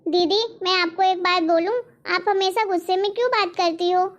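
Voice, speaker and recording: A woman voicing a meek, polite young wife in a cartoon, speaking in a soft, pleading, conciliatory way. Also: very high-pitched, steady tone, normal speed. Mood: placating. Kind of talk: animated cartoon voice acting.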